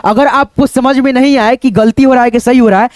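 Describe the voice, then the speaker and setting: A man's voice: very high voice, fairly even intonation, brisk, darkish tone, no echo. A male teacher giving a spelling and pronunciation lesson at a digital board, often calling viewers his friends and asking and answering his own questions. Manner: calls viewers friends often, repeats each word, asks and answers himself. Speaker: English teacher. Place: classroom-style video at a digital board.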